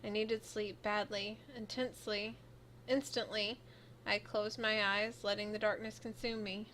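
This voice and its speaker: A young adult woman streamer reading a visual novel aloud, expressive as she voices the heroine and reacts. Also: medium pitch, measured pace, a little hiss or hum.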